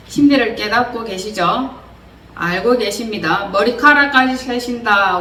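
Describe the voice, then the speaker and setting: A woman's voice: medium pitch, a bit bright. A woman preacher delivering a sermon, earnestly exhorting her listeners with many rhetorical questions. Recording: roomy echo, distant mic, faint noise.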